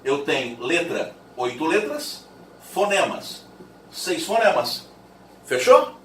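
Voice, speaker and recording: Brazilian male teacher, animated and slow-paced, far from the mic in a roomy classroom. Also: a little high, a little hiss or hum. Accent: Brazilian Portuguese. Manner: lively, rhetorical questions to students. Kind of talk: classroom lecture. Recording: roomy echo from a distant mic.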